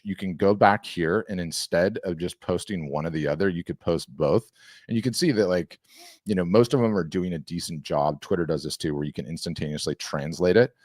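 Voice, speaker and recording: A man casually demonstrating a software tool, enthusiastic and rambling, often restarting his sentences. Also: low-pitched, no echo, clean studio sound. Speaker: software demo host. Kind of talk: casual screen-share demo.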